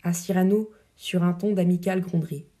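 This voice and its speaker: A woman narrating an audiobook, reading a play's stage directions in a measured, even way. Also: on the low side.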